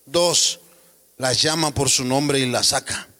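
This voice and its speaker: A man preaching a sermon with passion, firing rhetorical questions and rising to shouts. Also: medium pitch, fairly even intonation, slow. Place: church. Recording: long church hall reverb.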